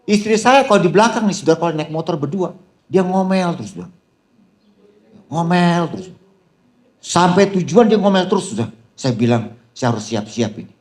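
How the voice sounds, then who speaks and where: Joking preacher addressing a seminar crowd. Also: male voice, high-pitched, expressive, a little fast, darkish tone. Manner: addresses the crowd with repeated "saudara", teasing humor. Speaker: pastor. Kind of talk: joking sermon to a seminar audience. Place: seminar hall.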